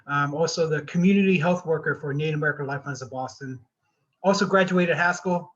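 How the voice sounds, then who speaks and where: A man from Alaska introduces himself in a brief, laid-back way. His voice sits slightly high. The call audio is dull and lo-fi. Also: quick pace, a bit bright. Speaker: community health worker. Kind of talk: casual self-introduction.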